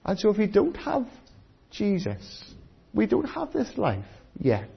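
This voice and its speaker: The preacher's voice sits high here, gravelly and husky, moving slowly with huge swings in pitch, and the audio is dull. He is a British man delivering a children's sermon in church, quizzing listeners with simple questions the way a kids' presenter would.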